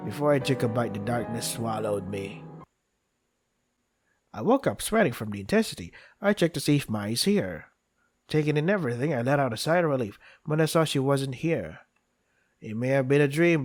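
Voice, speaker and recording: A man reading visual novel text aloud for a playthrough, acting out lines and dropping in casual joking asides. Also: medium pitch. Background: game music.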